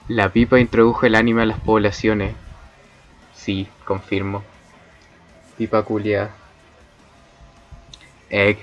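A man's voice: on the low side, highs cut off. A man from Chile with a Chilean Spanish accent, rambling and cracking crude jokes with chat on a casual debut livestream. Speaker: streamer.

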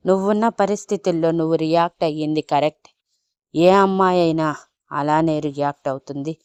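A woman's voice: deep voice, brisk, clean tone, no echo, natural voice. A woman voicing a tender, teasing young husband. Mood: soothing. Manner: gentle, coaxing, playful.

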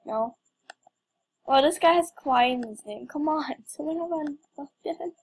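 Her voice sits high and moves at a measured pace as she narrates her own gameplay. This young gamer's commentary is casual and playful, packed with exclamations and mock drama.

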